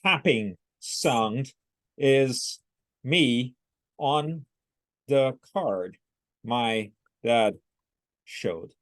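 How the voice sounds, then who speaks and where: A middle-aged man reading out his son's typed words in a slow, halting, robot-like delivery, one word at a time. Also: mid-range voice, expressive, a bit bright, no echo. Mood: measured.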